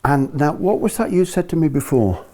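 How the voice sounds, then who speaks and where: A man's voice: a little high, animated, moderate pace, warm tone. A British man giving an informal spoken lesson as a ski instructor, chatty and explanatory, checking in with his listeners.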